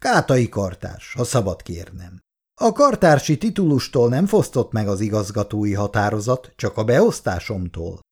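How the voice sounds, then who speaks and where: A man's voice: on the low side, sing-song, darkish tone, husky. A man doing a sneering, smug office clerk. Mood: mocking. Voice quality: mocking, smug.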